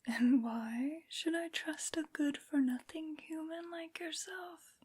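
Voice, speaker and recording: A woman's voice: sits high, darkish tone. Woman playing whispering, haughty vampire Lady Dimitrescu. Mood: gloating menace. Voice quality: breathy, mostly whispered. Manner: slow, deliberate, condescending, drawn-out phrasing. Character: tall, evil, haughty aristocratic vampire woman, menacing. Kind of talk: soft-spoken ASMR villain roleplay.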